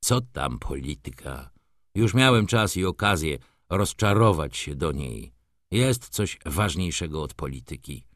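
A man's voice: extremely low pitch, very animated, measured pace, a bit bright, no room sound, clean studio sound, exaggerated voice. A man voicing a weary, bitter middle-aged male merchant in an audiobook, speaking gloomily and with resignation. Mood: gloomy.

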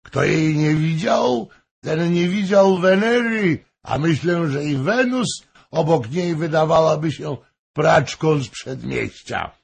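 A man voicing a drunk, boastful male courtier who gushes loudly. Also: a little high, expressive, slow, gravelly, breathy edge, voice pushed up, exaggerated voice. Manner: exclaiming, gushing.

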